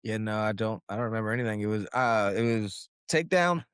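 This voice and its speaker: A man's voice: on the low side, animated, brisk, clear, resonant tone, no echo, studio quality. A young man, a guest fighter, telling a story in a casual interview and acting out his own quotes.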